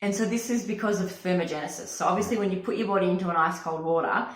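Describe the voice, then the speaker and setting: A woman's voice: fairly low pitch, racing. A woman talking casually and effusively as a wellness coach, giving an informal personal testimonial. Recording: echoey room.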